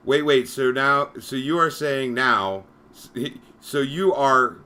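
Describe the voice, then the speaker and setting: Bright-voiced man ranting on a stream. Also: mid-range voice, expressive, takes it slowly. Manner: exasperated, profane ranting. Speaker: Discord moderator. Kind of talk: livestream rant.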